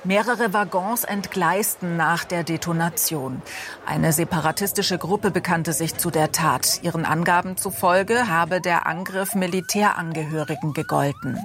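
Calm woman reading the news. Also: on the low side, a little hiss or hum. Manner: calm, even newsreading. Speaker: news anchor. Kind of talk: read news bulletin. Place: studio.

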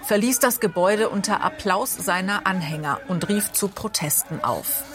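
A woman news anchor reading a bulletin in a calm, even manner. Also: fairly low pitch, no room sound. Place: studio.

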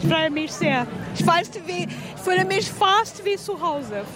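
A woman's voice: very high-pitched, expressive, a little slow, over music. A cheerful woman from Venezuela interviewed outdoors at a street parade. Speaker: parade participant.

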